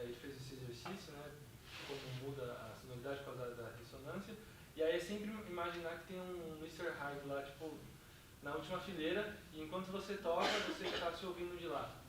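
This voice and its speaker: A man with a Brazilian Portuguese accent quickly summarizing a talk as its interpreter, hesitant, with many fillers. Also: on the high side, steady tone. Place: hotel event hall. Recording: echoey hall from far off, with noise.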